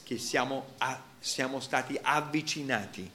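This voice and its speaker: A man preaching a sermon, emphatic, swinging between loud exclamations and quiet, low asides. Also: measured pace, a little hiss or hum.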